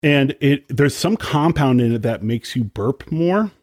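A man co-hosting a podcast, a musician chatting casually and complaining with drawn-out emphasis. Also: medium pitch, expressive, darkish tone, dry recording, studio quality. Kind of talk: casual chat.

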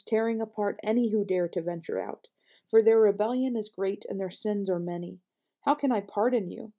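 A woman reading scripture aloud in a measured, earnest way, with the odd small slip. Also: mid-range voice, creaky, warm tone. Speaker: scripture reader.

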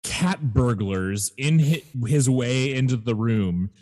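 A man co-hosting a casual movie discussion, slow and halting, often restarting his phrases. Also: mid-range voice, darkish tone, big-room sound.

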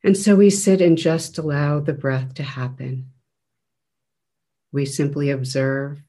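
A man leading a guided breath meditation as a teacher, speaking gently in measured phrases with long pauses between them. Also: on the high side, steady tone.

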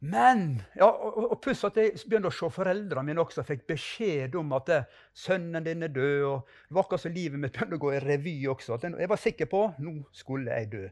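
A man's voice: fairly high pitch, animated, hardly any pauses, darkish tone. A man giving a spoken testimony and a fervent prayer as a preacher on a podcast.

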